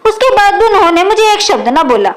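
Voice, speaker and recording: A woman reading the lines of a young married woman who is quick to anger and later sorry, in a storybook reading. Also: very high voice, big pitch swings. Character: young married woman, hot-tempered then remorseful.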